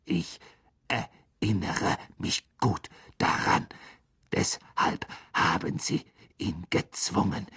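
An ancient, irritable blind spider of enormous size, as a male narrator puts him on. The voice comes out as a slow, gravelly half-whisper that hisses and stretches each word. It has a husky, breathy edge, like a storybook monster read aloud. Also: sits low, sharp tone, pitched below the performer's own voice, heavily acted. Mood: indignant. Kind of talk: audiobook character voice.

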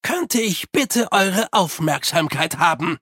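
Brief: old male monk, calm and sly, read by a narrator, husky tone, dry. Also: sits high, slow pace, no room sound, pitched above the performer's own voice, heavily acted. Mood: commanding.

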